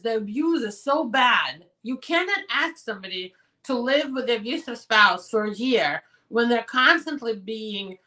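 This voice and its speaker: An immigration attorney hosts a live Q&A show, reading viewer questions aloud and giving quick, practical, direct advice. Her fairly high, bright voice is hoarse as she's losing it, and she sits far from the mic on a rough recording.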